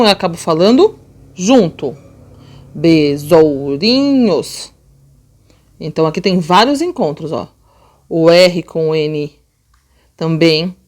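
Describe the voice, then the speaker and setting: A woman teacher with a Brazilian Portuguese accent, explaining a lesson to young children and slowly sounding out words. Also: fairly low pitch. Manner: slow, drawn-out sounding out of words; gentle, patient explaining to children. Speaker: primary school teacher. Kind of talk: remote class lesson.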